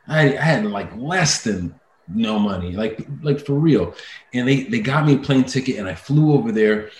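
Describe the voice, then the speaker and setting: A man, a voice-over artist and actor, telling stories as a guest in a casual interview, lively and laughing often, full of fillers and restarts. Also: medium pitch, moderate pace, roomy sound.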